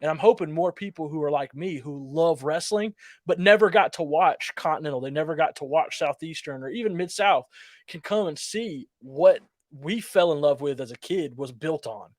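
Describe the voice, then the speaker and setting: A man's voice: on the high side, animated, normal speed, no echo. A man talking casually and enthusiastically as a show producer promoting his project, repeating phrases for emphasis.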